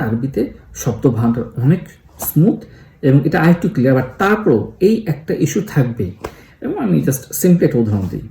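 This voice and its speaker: A man gives a casual explanatory lesson on Islam. He thinks aloud with frequent pauses, drops in English words and works through spoken examples. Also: fairly high pitch, dark tone. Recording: echoey room.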